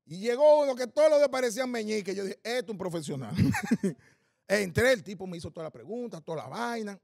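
A man's voice: high voice, animated, a little fast, vocal fry, darkish tone, no echo, studio quality. A man with a Dominican accent doing stand-up comedy, telling punchy stories laced with coarse slang and quizzing the audience. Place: live comedy stage.

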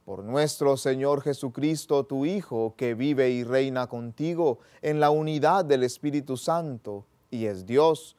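A man in his thirties, a priest leading Mass in a small chapel with slow, solemn recitation. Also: mid-range voice, darkish tone.

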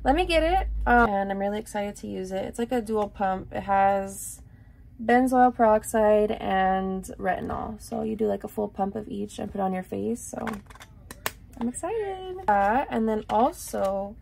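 A young vlogger chats casually to her camera in a loose, rambling way, peppered with likes and ums. Her mid-range voice is raspy and gravelly, a dry morning voice with a dark, mellow tone, expressive and unhurried. She seems close to a desk camera in a small room, with a little hiss or hum.

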